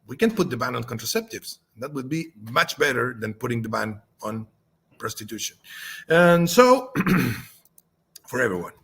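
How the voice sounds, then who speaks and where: A man from Chile with a Chilean Spanish accent, a native Spanish speaker, giving a halting spoken response in English with many fillers and restarts. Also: medium pitch, very animated, a bit bright, breathy edge. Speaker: channel host.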